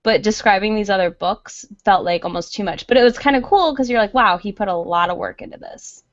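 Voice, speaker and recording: A woman's voice: mid-range voice, fairly quick, dry recording, lo-fi sound. A woman co-hosting a casual book club podcast, frank and enthusiastic, swearing freely. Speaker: podcast co-host.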